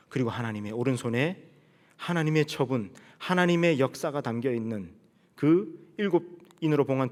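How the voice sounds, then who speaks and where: A man preaching from the pulpit, with a pitch that sits in an ordinary middle range. He moves from forceful rhetorical questions to quiet, hushed phrases and reads scripture slowly and solemnly. His voice carries a long reverb from the church sanctuary. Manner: rhetorical questions, emphatic preaching with swells and drops; slow solemn scripture reading. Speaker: pastor. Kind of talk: sermon.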